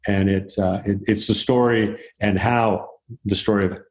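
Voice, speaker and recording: A man's voice: lowish voice, steady tone, normal speed, a little mellow. A man, a board game designer and author, talking in a rambling, stammering, self-deprecating way on a video call interview. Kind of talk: casual interview talk.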